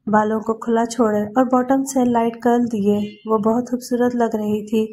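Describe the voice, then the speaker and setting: A woman narrator reading a romance novel aloud in a steady storytelling style. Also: a little high, normal speed.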